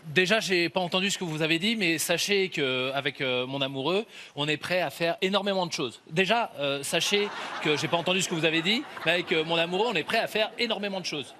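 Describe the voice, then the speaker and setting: A man's voice: fairly high pitch, extremely slow, long pauses, pitched below the performer's own voice, full character voice. A man playing a swinger who says everything twice. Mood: earnest. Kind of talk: improv comedy game. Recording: lively crowd and loud studio noise.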